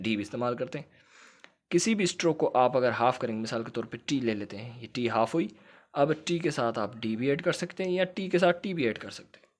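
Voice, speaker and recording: A man gives a recorded shorthand lecture. He explains step by step, going back over each point and checking that his students follow. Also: mid-range voice. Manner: explains patiently, repeats points and checks understanding. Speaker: shorthand teacher.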